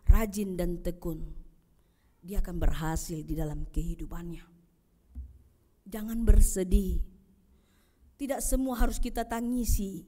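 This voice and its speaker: A woman pastor giving an Easter sermon, swinging between loud calls and soft low passages and asking the congregation questions.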